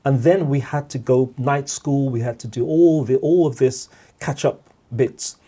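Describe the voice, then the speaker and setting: As a podcast guest in a thoughtful discussion, this middle-aged Guyanese man speaks in a warm, mid-range voice. His delivery is measured, with repeated words and frequent check-ins of "all right?".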